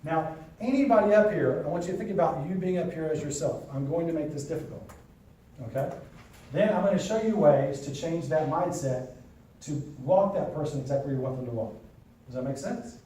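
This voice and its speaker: A man leads a classroom lesson for real estate agents, with a fairly high voice. He talks casually and keeps checking that the room is following. The sound is heavily echoey and picked up from far off, with a faint hiss. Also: fairly quick, dark tone. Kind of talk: classroom lesson with role-play.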